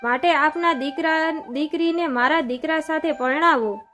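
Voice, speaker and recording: A woman's voice: sits high, moderate pace, bright, forceful tone, soft background music. A woman reading the lines of an old Brahmin man who persuades a father, in a polite, persuasive manner. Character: old male Brahmin matchmaking for his son.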